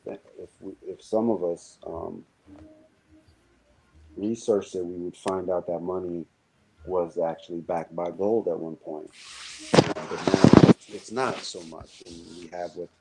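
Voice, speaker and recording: Very deep, dark-voiced hesitant man. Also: husky, rough recording. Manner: hesitant, many fillers and restarts; rises and speeds up when pushing back. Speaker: podcast co-host. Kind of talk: casual discussion.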